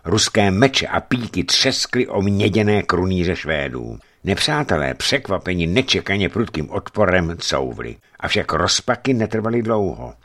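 A man with a very deep voice reads a historical adventure as scripted narration. His delivery is expressive, and his pitch rises and falls widely. He tells the story at an even, measured pace. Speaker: audiobook narrator.

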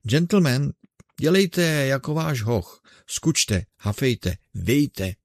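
Man playing older male showman, storybook reading, gravelly, commanding exclamations. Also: fairly low pitch, expressive, dry recording, clean studio sound. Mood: bossy. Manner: exclaiming, bossing others about. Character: eccentric old male showman, gruff and scolding. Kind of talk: audiobook character reading.

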